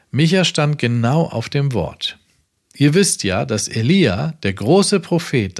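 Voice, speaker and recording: A man reads out a sermon with measured, emphatic phrasing. His pitch sits in a middle register but moves a lot, climbing on stressed words. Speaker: preacher. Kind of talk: reading a sermon aloud.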